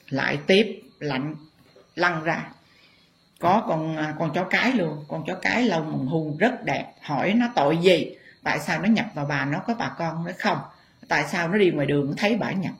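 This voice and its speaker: A woman who is a spiritual teacher, telling stories to her viewers with emphatic, impassioned delivery. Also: low-pitched. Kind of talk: dramatic storytelling to viewers.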